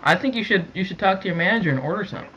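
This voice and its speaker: A man making a prank call over the phone, chatting casually in a halting, repetitive way. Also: high voice, animated, bright, forceful tone. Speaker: prank caller. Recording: dull lo-fi phone call recording.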